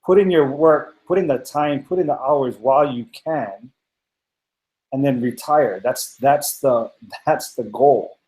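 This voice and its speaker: Man, 40s, from Hawaii, earnest webinar testimonial, middle pitch, echoey home-office sound. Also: measured pace, a little mellow. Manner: earnest, many fillers and restarts. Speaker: panel guest.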